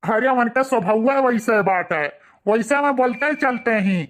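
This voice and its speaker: A woman's voice: fairly high pitch, expressive, normal speed, lightly acted. A woman voicing a young village husband in an Awadhi cartoon, placating and lecturing his wife in rustic dialect. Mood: explaining. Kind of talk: cartoon dialect comedy acting.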